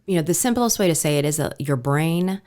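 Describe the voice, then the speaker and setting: A woman's voice: low voice, lively intonation, brisk, dark tone. A woman in her forties from Pittsburgh, a podcast guest chatting easily and telling her story. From Pittsburgh, USA. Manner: easygoing, laughs often, storytelling. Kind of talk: casual interview chat.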